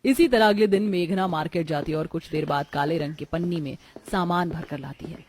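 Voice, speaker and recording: A woman narrating a family story in a steady, matter-of-fact way. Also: low voice, fairly quick, slight background noise.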